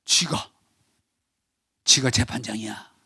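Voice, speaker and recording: A male pastor preaching a Sunday sermon in Korean, animated, acting out quarrelling family members. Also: medium pitch, slow, breathy edge, no echo, clean studio sound. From South Korea. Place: church sanctuary.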